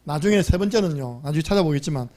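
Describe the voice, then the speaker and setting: A man's voice: on the high side, lively intonation, fast, a little mellow. A man preaching a sermon as pastor, telling stories animatedly, acting out the voices in them and asking the congregation questions. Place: church sanctuary.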